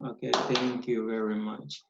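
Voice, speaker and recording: A male teacher explains an online English lesson patiently and step by step, his medium-pitched voice flat, unhurried and marked by vocal fry. He was recorded on a computer mic in a screen recording of a video call, with background noise and echoey, dull sound.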